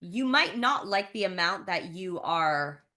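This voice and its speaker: A young woman co-hosting a podcast in casual chat, animated and acting out her own thoughts. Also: fairly low pitch. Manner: animated, quick to act out inner thoughts. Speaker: podcast co-host. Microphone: podcast mic, in person.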